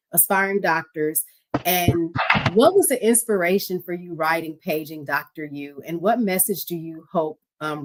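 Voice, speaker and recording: A woman's voice: fairly low pitch, low-quality recording. Supportive woman podcast host. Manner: supportive, frequent "mm-hmm" backchannels. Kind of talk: interview questions.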